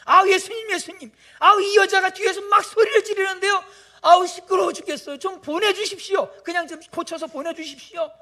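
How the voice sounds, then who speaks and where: A man acting out exasperated male disciples who complain loudly and beg their teacher to send a noisy woman away. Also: very high-pitched, level tone, brisk, hardly any pauses, pitched above the performer's own voice. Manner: whiny, pleading, loud.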